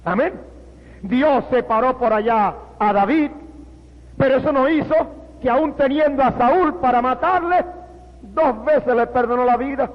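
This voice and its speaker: A man's voice: extremely high pitch, unhurried. A man, firing off rhetorical questions and amens. The sound is dull and muffled, carried on a long hall reverb. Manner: emphatic, rhetorical questions, repeated amen. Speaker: preacher. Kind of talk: sermon.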